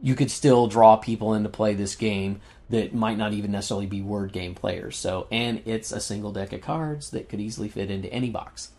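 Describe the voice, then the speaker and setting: A man in relaxed podcast chat, rattling off game facts between "um"s and easy laughs. His voice is a little worn, as if he is losing it. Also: fairly low pitch, a little fast. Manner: enthusiastic, laughs often, lists game facts with fillers. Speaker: podcast co-host reviewing board games. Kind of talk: casual chat.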